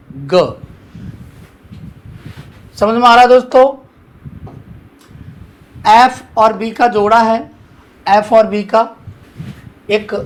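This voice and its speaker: Male shorthand tutor, high voice, unhurried, drills by repeating each point. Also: a little hiss or hum. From India. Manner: repetitive, asks and answers his own questions. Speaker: shorthand teacher. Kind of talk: classroom lesson, explaining at a board.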